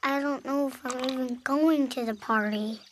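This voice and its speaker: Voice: high-pitched, steady tone, moderate pace, fairly bright tone, slight background noise. A child performer voicing a small, earnest, worried young kangaroo in a children's cartoon, speaking hesitantly. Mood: downcast. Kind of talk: animated children's cartoon acting. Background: background music.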